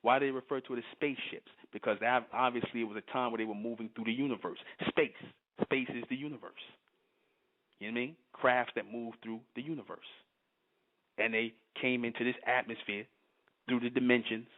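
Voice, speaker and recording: A man's voice: mid-range voice, fairly even intonation, fairly quick. A man giving an impassioned spiritual monologue, working himself up and repeating "you understand?". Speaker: channel host giving a spiritual talk. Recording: tinny phone-like audio.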